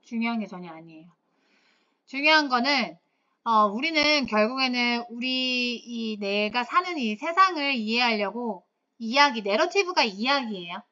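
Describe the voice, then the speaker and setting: A woman's voice: on the high side, lively intonation, a little slow, pushed and bright. A woman English teacher giving a chatty classroom lecture, often checking whether her students follow along. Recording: dull lo-fi classroom recording.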